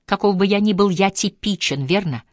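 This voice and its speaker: A woman reading the part of a composed young solicitor on trial, speaking with gentle irony. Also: mid-range voice, normal speed, dry recording, clean studio sound, natural voice. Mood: wry calm. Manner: wry, composed, gently sarcastic. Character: young man, calm ironic solicitor on trial. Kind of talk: audiobook character voice.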